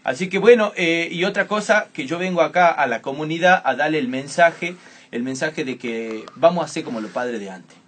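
A man with a Tucumán accent playing a boastful provincial police officer in a comic monologue, rowdy and punchy with bursts of shouting. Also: a little high, normal speed, slight background noise, close to an everyday voice. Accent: Tucumán, Argentina. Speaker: comedian in a sketch. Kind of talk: stand-up style comic monologue.

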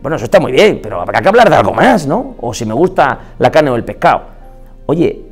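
Lively Spanish doctor giving a talk. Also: male voice, mid-range voice, creaky. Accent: Spain Spanish. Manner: expressive, quoting people in lively voices. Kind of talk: motivational talk. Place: indoors, filmed talk.

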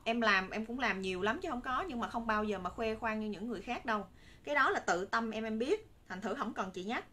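A Southern Vietnamese saleswoman with a bright, high voice talks fairly quickly, giving a persuasive, repetitive pitch to live-stream viewers. She sells from an indoor room with curtains and bagged stock. The noisy recording comes from a phone a short distance away.

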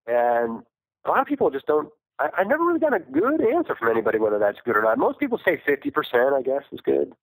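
Male farmer guest on a flip phone call, dry husky line, animated rambling delivery. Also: medium pitch, fast talker, no echo. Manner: rambling, self-correcting, laughs often. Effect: talking over a flip phone call. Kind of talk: casual interview chat.

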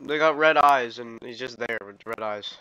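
A young man hosting gameplay commentary with friends, excitable, swearing a lot and yelping when startled. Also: medium pitch, normal speed, clean tone, no echo, muffled recording. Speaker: gaming video host. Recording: friends' chatter heard behind.

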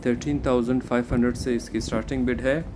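A man narrating a walkaround video at an outdoor used car auction lot, speaking in a plain, steady, informative way with hesitant fillers. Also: mid-range voice, quick pace. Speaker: car market vlogger. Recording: outdoor noise behind voice.

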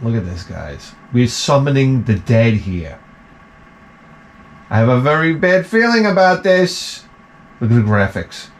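A man's voice: mid-range voice, sing-song, measured pace, long pauses, a little hiss or hum. A man giving casual commentary on a game playthrough, with slangy, sweary exclamations. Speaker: video game streamer. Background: prominent game music.

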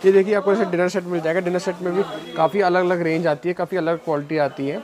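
A vlogger films a walking tour of a market shop at night on a handheld phone, talking quickly in a high, flat voice. He often repeats words as he points things out, with a crowd and street noise from the busy city market behind him.

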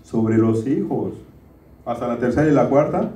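A man's voice: medium pitch, lively intonation, normal speed, warm tone. A middle-aged man preaching a sermon as pastor, talking to the congregation in a conversational way and often calling them brothers. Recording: roomy, distant church recording.

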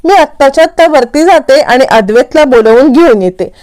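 A woman's voice: sits high, animated, normal speed. A woman retelling a TV serial voices a feisty young daughter-in-law who answers back sharply. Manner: sharp, teasing retorts.

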